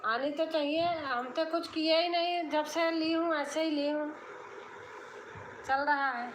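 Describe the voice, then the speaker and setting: A woman hosting a casual live stream on her phone, chatting slowly and greeting viewers by name as she reads their comments. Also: high voice, steady tone. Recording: echoey room with background noise.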